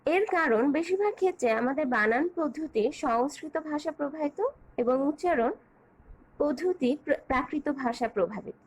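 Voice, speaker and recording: In an online grammar lesson, a female teacher lists her points and spells out examples, speaking in a measured, clear manner. Her voice is high-pitched with lively intonation, and the recording is rough.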